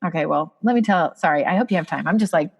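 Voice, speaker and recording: Expressive woman telling her story. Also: low-pitched, quick pace, vocal fry. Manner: expressive, emotional, animated retelling. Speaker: podcast guest. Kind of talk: conversational storytelling.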